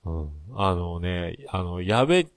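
A man's voice: low-pitched, unhurried, no room sound, studio quality. A man with a Hakata dialect hosting a casual drinking chat, telling stories and mimicking other people. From Kyushu. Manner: lively storyteller, mimics others. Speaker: podcast host.

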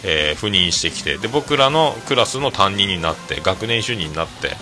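Bright-voiced man rambling. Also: deep voice, moderate pace, soft background music. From Fukuoka, Japan. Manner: rambling storytelling, many fillers, animated quoting. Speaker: host, restaurant owner. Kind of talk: casual solo talk stream.

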